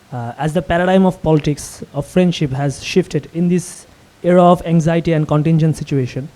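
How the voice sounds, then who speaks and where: A man's voice: fairly high pitch, warm tone, rough recording. A man from the audience asking a long question in formal, academic phrasing.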